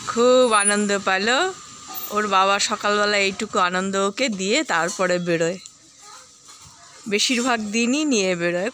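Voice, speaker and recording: A woman's voice: mid-range voice, sharp tone, slight background noise. A young woman vlogging casually at home, chatting and cooing to her pet dog. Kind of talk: casual home vlog narration. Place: at home, indoors and outside.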